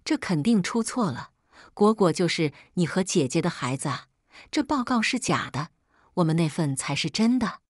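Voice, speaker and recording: A woman's voice: fairly low pitch, animated, normal speed, no room sound, clean studio sound. A woman voicing a defiant, scheming young woman who argues shrilly, in a storybook reading. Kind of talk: storybook narration.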